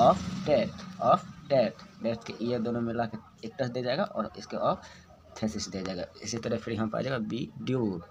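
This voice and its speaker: A man's voice: lowish voice, a little mellow, slight background noise. A male teacher explaining a lesson step by step, patiently repeating words aloud to show how they are pronounced.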